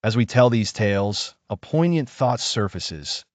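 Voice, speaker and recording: A man narrating a scripted nature documentary in a measured, solemn and dramatic storytelling manner, recorded close on a voice-over mic. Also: on the low side, expressive, no echo.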